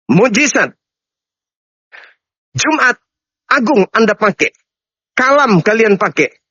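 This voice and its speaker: A man with a high-pitched voice delivers a combative, taunting debate speech, lecturing his opponents as an Islamic apologist. The recording sounds muffled and lo-fi, with a dry close sound and no room echo. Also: bright, forceful tone. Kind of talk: heated live debate speech.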